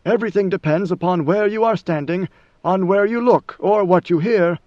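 Voiced by a male narrator in a lightly acted performance, a cold, imperious god-emperor issues lofty, measured commands in a high voice with a darkish tone. The recording is dry and slightly muffled, with no room sound.

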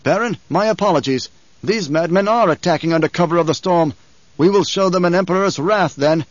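An angry, imperious emperor, as a male narrator plays him, barking commands with loud scorn. The voice sits a little high. A dry, slightly dull studio recording. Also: lively intonation, normal speed, no room sound. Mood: commanding, angry. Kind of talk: audiobook character voice.

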